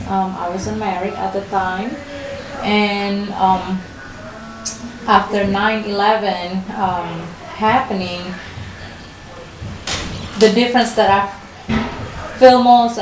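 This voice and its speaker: A woman from Indonesia, recounting her own experiences in a hesitant, casual way with frequent pauses. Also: mid-range voice. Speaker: interviewee. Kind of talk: personal recollection, casual storytelling. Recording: echoey room with background noise.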